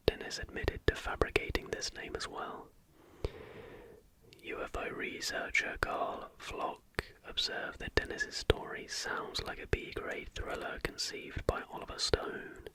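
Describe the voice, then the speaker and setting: The clip features a man hosting ASMR, quietly reading factual material in a breathy, careful whisper on a nearby microphone.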